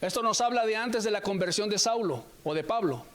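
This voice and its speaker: A man with a very high-pitched voice delivers a sermon. He preaches with emphasis, repeating phrases and stretching the important words out slowly for weight. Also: a bit bright.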